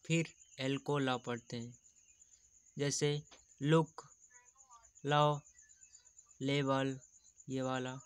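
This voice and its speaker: Slow male teacher. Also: mid-range voice, fairly even intonation, clean tone, no room sound. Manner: slow, explains patiently, repeats examples. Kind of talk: teaching English pronunciation in Hindi.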